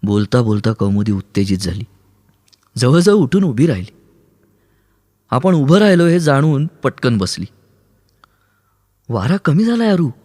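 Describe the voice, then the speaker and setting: A man reading a story aloud with expressive delivery, over loud vehicle noise. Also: mid-range voice, normal speed, long pauses, dry recording, studio quality.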